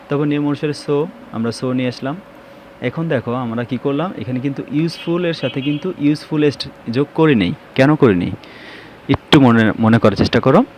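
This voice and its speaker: A man leads an English grammar lesson at a middle pitch. He works through each step and often asks a question before he answers it himself. Faint traffic noise sits in the background.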